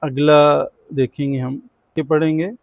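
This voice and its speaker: A man teaching Quran recitation in an online class, firmly correcting students and drawing out the recited words slowly. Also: fairly high pitch, little pitch movement, vocal fry, no room sound, dull audio.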